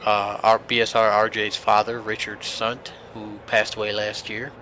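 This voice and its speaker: Congested from a sinus infection, a young man commentates a sim race broadcast, chatty and rambling with lots of fillers. His lowish voice is monotone yet pushed and bright at a normal speed, on poor audio with slight background noise.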